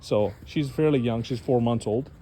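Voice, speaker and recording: A man's voice: mid-range voice, normal speed, mellow, a little hiss or hum. A man, a dog trainer, giving a loose, chatty how-to demonstration and talking straight to his viewers. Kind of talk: casual instructional demo.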